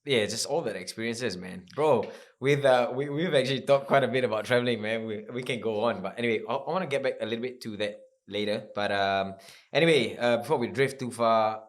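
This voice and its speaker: A man's voice: mid-range voice, a little fast. A man hosting a podcast, talking in a loose, laid-back way full of fillers like bro and man. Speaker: podcast host. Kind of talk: casual interview chat.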